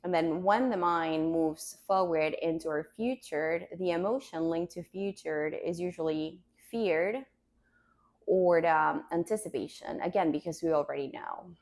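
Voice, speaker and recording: Female meditation teacher, calm grounding delivery, very slow and gentle, some vocal fry. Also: lowish voice. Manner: calm, gentle instruction with unhurried pauses.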